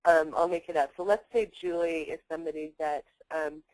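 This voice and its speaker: A woman trainer giving a webinar presentation, talking in a fast, blunt, chatty way with many fillers. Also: sits low, steady tone, a little mellow, dry recording, rough recording. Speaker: workplace trainer.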